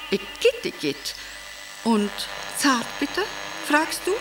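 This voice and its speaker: An actress playing a vain, gushing, middle-aged wife who was once a stage actress, speaking in a theatrical radio drama with wide swings from cooing to brooding. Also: female voice, medium pitch, background noise. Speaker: radio drama monologue lead. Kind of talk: German radio drama acting.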